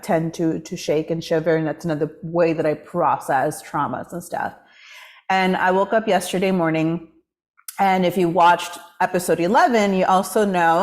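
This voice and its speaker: A woman talks to camera in a slightly low voice, unhurried and reflective. She trails off and restarts often, filling gaps with soft "ums" and "you knows." She sounds a little emotional and off. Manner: soft, reflective, with many fillers and self-corrections. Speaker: podcast host. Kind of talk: casual personal vlog monologue.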